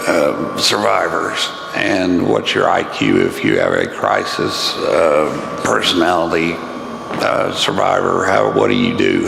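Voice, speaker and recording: A man with a raspy, gravelly voice giving an informal motivational keynote in a halting, rambling, self-deprecating way. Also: low-pitched. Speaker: keynote speaker. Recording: echoey room with clear noise.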